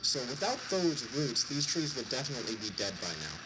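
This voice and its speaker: Stuffy-nosed man explaining over clear background noise. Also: mid-range voice, sing-song, fairly quick. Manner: jokey, irreverent asides. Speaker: vlogger summarizing a book. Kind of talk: informal explainer talk to an audience.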